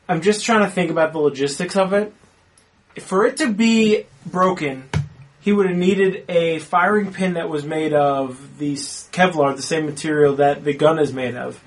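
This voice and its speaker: Higher-voiced man nitpicking movie details. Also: unhurried. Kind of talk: casual movie podcast chat.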